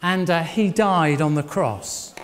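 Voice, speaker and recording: In an echoey church hall with faint background noise, an older man with a fairly high voice speaks slowly to the congregation. As leader of an all-age service, he asks questions and repeats the answers back with approval.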